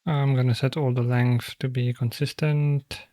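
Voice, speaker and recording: A man's voice: mid-range voice, little pitch movement, measured pace, warm tone. A man chatting casually on a livestream as a music producer, with a playful, silly, cute streamer manner. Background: music playing.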